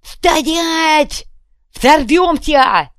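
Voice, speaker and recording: A woman voicing a one-eyed, brutal male gang boss who bellows slow, drawn-out threats. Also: sits high, no room sound, clean studio sound, voice pushed up. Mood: bellowing threats. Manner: shouted threats, drawn-out barking.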